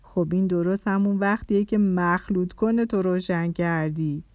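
A woman voicing a kind, patient father in a children's story, speaking in a lowered, slow and gentle voice. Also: fairly even intonation, no room sound, lightly acted.

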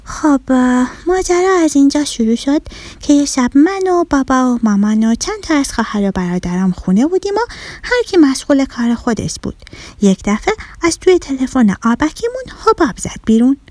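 A woman's voice: sits high, dry recording. Woman voicing a naive young fish child. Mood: earnest. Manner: earnest, chatty, lively telling. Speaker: storyteller. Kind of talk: children's storytelling.

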